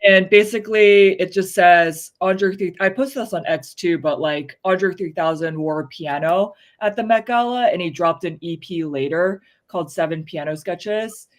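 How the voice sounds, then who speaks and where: A woman co-hosting a casual chat show, speaking candidly and with strong opinions, full of fillers, her pitch rising when she stresses a point. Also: normal speed, few pauses. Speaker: podcast co-host.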